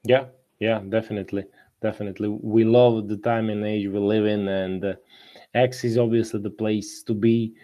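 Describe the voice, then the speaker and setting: A man's voice: lowish voice, little pitch movement, normal speed, warm tone. A man hosting a casual live audio chat, chatty and given to laughing between remarks. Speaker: host.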